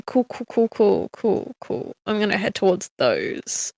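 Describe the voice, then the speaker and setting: A woman's voice: mid-range voice, big pitch swings, a little slow, creaky, darkish tone, no room sound. A woman chatting casually as a player in a tabletop role-playing game.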